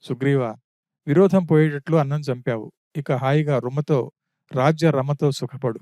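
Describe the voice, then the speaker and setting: A man's voice: medium pitch, moderate pace, warm tone, dry recording, studio quality, lightly acted. A man voicing a grieving widowed monkey queen, lamenting in plaintive address.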